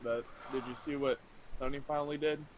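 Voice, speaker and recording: A young man chatting casually with a friend over a game, relaxed and swearing freely. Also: medium pitch, fairly quick, slight background noise, poor audio. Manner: laid-back, swears freely. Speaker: co-player, friend. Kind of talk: casual chat while gaming.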